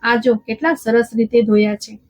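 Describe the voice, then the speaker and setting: Woman reading as a gentle kind young man. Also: fairly high pitch, little pitch movement, moderate pace, no room sound. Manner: soft, friendly. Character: kind gentle young brother-in-law, male. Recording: dull lo-fi with faint music.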